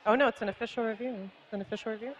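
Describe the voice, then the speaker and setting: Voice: medium pitch, fairly even intonation, racing, a crowd in the background, rough recording. A roller derby commentator calling jams live in a chatty, casual way, with lots of fillers and easy laughter.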